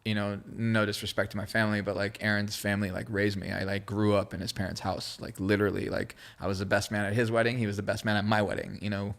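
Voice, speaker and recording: A fast-talking podcast guest, a creative director born in Israel and raised in California, tells rambling, slangy stories in a low, fairly bright, creaky voice. Hebrew is his first language; his pitch barely moves, he almost never pauses, and he piles on fillers and restarts thoughts midway.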